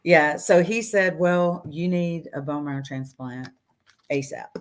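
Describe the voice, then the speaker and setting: Animated woman telling her story. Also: deep voice, unhurried. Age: 40s. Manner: animated, acts out doctors' lines, laughs between phrases. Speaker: guest. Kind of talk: casual storytelling interview. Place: room at home. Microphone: video call.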